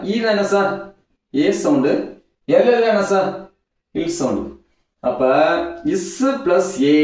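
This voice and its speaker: Heard from far off in a heavily echoing room, a man with a high-pitched, darkish voice teaches English pronunciation. He runs a phonics lesson like a classroom, drilling sounds in repeated call-and-answer.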